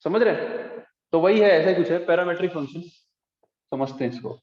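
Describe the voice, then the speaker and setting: A man's voice: on the high side, moderate pace. A man teaching calculus to a class, explaining step by step and often asking if students follow. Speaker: math teacher. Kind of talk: classroom lecture. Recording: echoey room, dull lo-fi sound.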